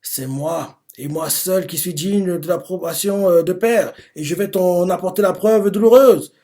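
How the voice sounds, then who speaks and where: A man putting on a proud young water wizard who has lost his mind. The voice sits a little high and climbs into loud, declamatory threats. It is a comic-reading voice rather than full character acting. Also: measured pace. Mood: boastful. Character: arrogant unhinged young male water wizard.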